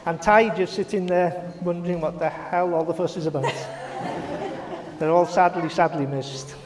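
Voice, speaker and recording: Middle-aged man, fairly high voice, jovial and halting wedding toast speech, hall reverb. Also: steady tone, crowd noise. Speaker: father of the bride. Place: large glass-walled wedding reception room. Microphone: handheld microphone. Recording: echoey hall, handheld mic, guests reacting. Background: wedding guests murmuring and laughing.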